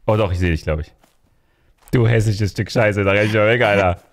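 A man's voice: on the low side, brisk. A man hosting a horror game let's play. He jokes around and yelps when something startles him. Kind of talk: casual gaming commentary.

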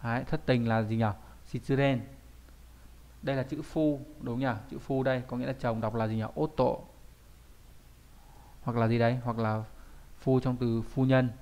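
A man's voice: mid-range voice, fairly even intonation, moderate pace, pauses often, a little mellow. A man with a mid-range voice teaches kanji in a recorded online lesson. He talks in a loose, chatty way and keeps throwing in rhetorical questions and little tag questions.

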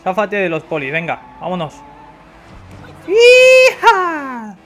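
Young spanish guy from spain doing lets play commentary, high voice, yells and swears a lot, kinda stuffy nose. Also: moderate pace, loud music behind the voice. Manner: excitable, loud exclamations, frequent swearing. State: slightly congested. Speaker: gameplay commentator. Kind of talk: casual let's-play commentary.

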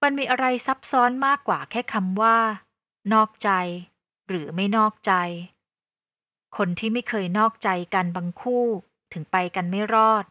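A woman's voice: mid-range voice, unhurried, pushed and bright, no room sound. A woman narrating a first-person romance novel, in an emotional, reflective way. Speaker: audiobook narrator.

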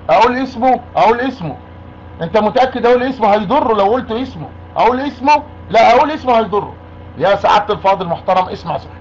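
A high-voiced Egyptian man talks fast and pushes hard, repeating his demands over and over. The call sounds muffled and lo-fi, with a faint hiss behind it. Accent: Egyptian Arabic. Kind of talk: argumentative phone call.

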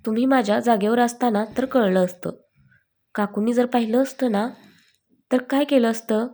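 A woman's voice: on the high side, moderate pace, dark tone. A woman voicing a shy, flustered young bride-to-be in a storybook reading. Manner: flustered, pleading.

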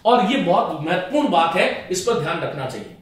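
A man's voice: high-pitched, big pitch swings, brisk. A middle-aged man teaching Hindi grammar for exam prep, carefully repeating words to model their pronunciation and appealing to his students in earnest. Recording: very echoey room.

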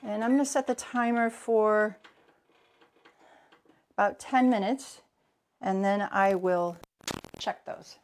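A woman in her forties leads a live home-kitchen cooking demo, addressing viewers by name as she chats and cooks. She speaks slowly in a medium-pitched voice with long pauses, and a faint hiss or hum is audible.

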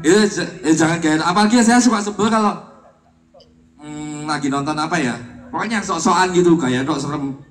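A man's voice: on the high side, fairly quick, faint music behind. A man, a guitarist doing rambling, self-mocking stage banter between songs while he has a cold. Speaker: guitarist performing live. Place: live concert venue. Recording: roomy, distant live recording.

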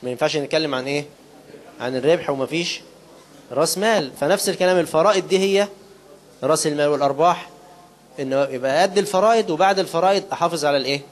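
A man with an Egyptian accent preaching a sermon in quick colloquial speech. He asks his listeners questions and answers them himself, and he slows down to recite quoted scripture. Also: fairly high pitch. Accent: Egyptian Arabic.

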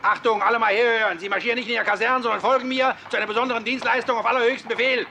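Older male Prussian captain, gravelly drill-sergeant bark, raised high pitch, noisy old film sound. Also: steady tone, rapid-fire, bright, forceful tone, exaggerated voice. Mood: curt, commanding. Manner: German drill sergeant bark, curt orders. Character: ageing self-appointed Prussian army captain, curt, commanding. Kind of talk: period military film acting. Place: outdoors on street, film microphone.

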